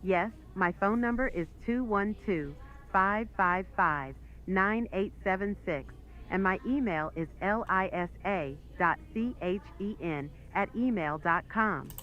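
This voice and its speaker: A woman's voice: mid-range voice, measured pace, a bit bright, lightly acted. A woman playing a polite hotel guest phoning customer service in a scripted role-play dialogue. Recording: muffled lo-fi playback, clear background noise.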